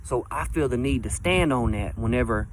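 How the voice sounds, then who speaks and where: A man's voice: medium pitch, moderate pace, a little hiss or hum. A man speaking as a fervent new convert, giving a rambling, earnest and emphatic personal testimony in informal vernacular, often voicing imagined dialogue and answering his own questions. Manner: acts out imagined dialogue and asks himself questions.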